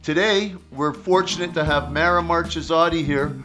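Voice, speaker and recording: Coach guy hosting a sports interview show, kinda high voice, measured delivery. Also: sharp tone, faint music behind.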